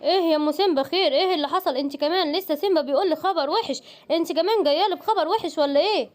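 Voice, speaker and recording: Woman voicing a fatherly cartoon lion king. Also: very high voice. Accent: Egyptian Arabic. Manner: quick questioning, calm commands.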